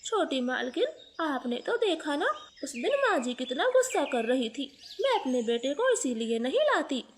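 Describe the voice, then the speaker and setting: A woman's voice: high voice, very animated, normal speed, a little hiss or hum. A woman voicing a poor, humble crow maid and mother in a cartoon, speaking in a deferential way.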